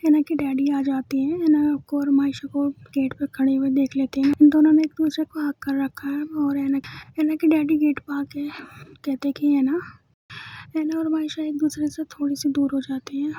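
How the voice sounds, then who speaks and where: A woman storyteller narrating a romance calmly and evenly. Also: high voice, moderate pace, slight background noise. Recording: dull lo-fi sound.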